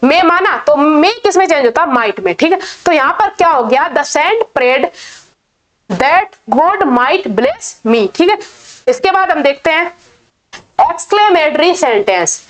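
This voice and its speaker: A woman's voice: high-pitched, sing-song. A woman teaching an English grammar lesson in Hindi, patiently repeating each rule. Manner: slow, patient, repeats key points.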